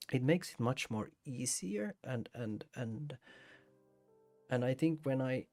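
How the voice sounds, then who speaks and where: Chatting casually as he edits photos on his livestream, this Finnish-accented man from Finland speaks at a medium pitch with a darkish tone. He hesitates and repeats words as he thinks out loud.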